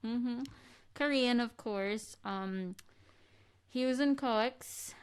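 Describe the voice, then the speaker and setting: A woman co-hosting a casual podcast, chatty, laughing often and trailing off into quiet asides. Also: on the high side, very slow, clear, resonant tone. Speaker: podcast co-host. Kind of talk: casual chat.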